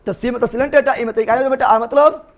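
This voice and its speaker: A high-pitched young man teaching biology. He keeps firing quick questions at the class and repeats key terms until they stick. His tone is that of a classroom lecture. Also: fairly even intonation.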